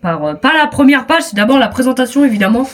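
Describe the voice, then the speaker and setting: A teenage girl with a French accent chats in a high voice, poking fun at herself. She stumbles, restarts and lets sentences trail off. A faint hiss sits under the recording. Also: big pitch swings, fast. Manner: self-mocking, hesitant restarts, trailing off. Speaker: vlogger. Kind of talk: casual chat.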